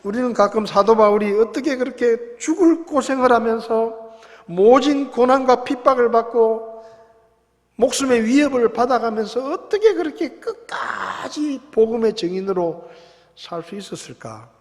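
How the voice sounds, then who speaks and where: Male pastor preaching with lively pitch. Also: moderate pace. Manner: swings between quiet reflection and loud emphatic preaching. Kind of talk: sermon. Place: church sanctuary. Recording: long reverb of a church hall.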